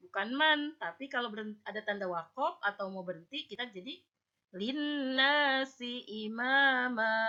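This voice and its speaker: A woman teacher giving a patient lesson on recitation, slowly drawing out example words and checking in with her students. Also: medium pitch, pushed and bright. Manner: checks understanding with "ya" and "oke". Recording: dull lo-fi recording.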